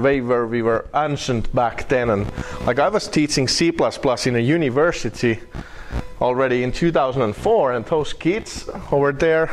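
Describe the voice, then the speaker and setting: A man with a Finnish accent presents a technical talk to a user group. He jokes dryly and often stops to restart his sentences, in a voice of ordinary pitch. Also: slight background noise. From Finland. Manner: wry, halting, many fillers and restarts. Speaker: conference speaker.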